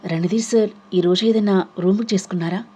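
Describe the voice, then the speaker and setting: A woman's voice: mid-range voice, fairly even intonation, fast talker, dark tone, breathy edge, natural voice. A woman voicing a worried young woman asking anxious questions in an audio novel reading.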